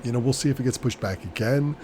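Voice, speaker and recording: A man's voice: medium pitch, fast. A man chatting casually and off the cuff as a solo vlogger, rambling along in a matter-of-fact way. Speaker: vlogger, small-scale crypto miner. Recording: clear steady background noise.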